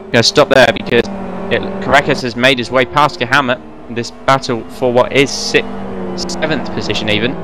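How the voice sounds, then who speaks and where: Man calling a sim race. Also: medium pitch. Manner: fast, running play-by-play with self-corrections. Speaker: race commentator. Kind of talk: live sim-racing play-by-play commentary. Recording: race car engine noise behind voice. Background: racing car engines.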